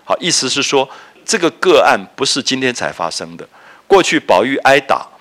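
A man lecturing on a classic novel, retelling and explaining scenes in a lively way, often filling pauses with "ah" and "okay". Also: medium pitch. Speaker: literature lecturer.

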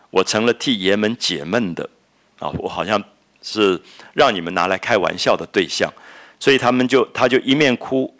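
A middle-aged man teaches literature in a rather low voice. He tells the novel's plot like a story and keeps stopping to explain old words in plain language. His speech is loose and chatty, with frequent fillers. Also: fairly bright tone. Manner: conversational storytelling with many fillers. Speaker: literature lecturer. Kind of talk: lecture retelling and explaining a classic novel.

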